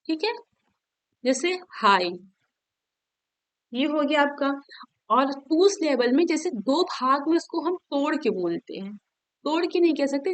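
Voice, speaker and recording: In an exam-prep grammar lesson, a woman with a fairly high voice drills each word form one at a time. She teaches slowly and patiently, checking in with listeners after every point.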